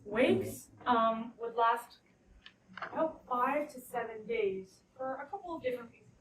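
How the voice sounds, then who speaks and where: A woman working as a tour guide, talking informally and a little haltingly to a small group as she explains things inside a house. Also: on the high side. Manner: conversational, halting, loosely explanatory. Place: indoors in a house parlor. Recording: roomy echo, distant mic, background noise.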